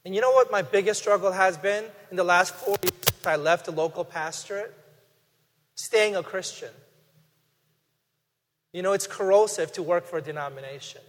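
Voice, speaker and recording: A middle-aged man preaching a guest sermon in a conversational, animated way, with emphatic rises. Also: high voice, normal speed, pauses often. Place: church sanctuary. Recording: reverberant hall.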